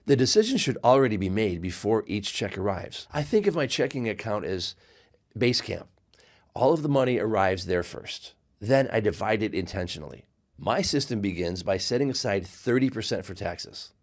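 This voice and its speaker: A man hosting a finance explainer video, speaking in a measured, scripted way with small laughs. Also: mid-range voice, expressive, darkish tone.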